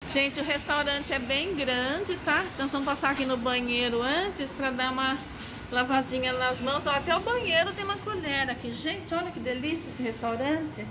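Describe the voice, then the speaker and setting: Chatty high-voiced woman vlogging. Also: moderate pace, noisy background. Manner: chatty, enthusiastic, addresses viewers directly. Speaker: travel and food vlogger. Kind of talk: casual vlog walkthrough. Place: large indoor restaurant. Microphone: handheld phone camera.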